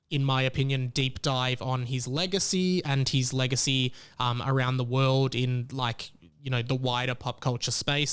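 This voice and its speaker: The host of this podcast has a smooth, higher-leaning male voice. His talk is casual and meandering, thick with fillers and restarts as he interrupts himself.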